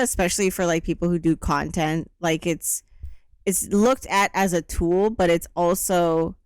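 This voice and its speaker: A woman in her thirties chats casually as a podcast co-host, rambling easily from one thought to the next. Her voice is smooth and sits a little low for a woman. The sound is dry and close, with no room echo. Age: 30s. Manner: easygoing, rambling with fillers. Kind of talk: casual chat.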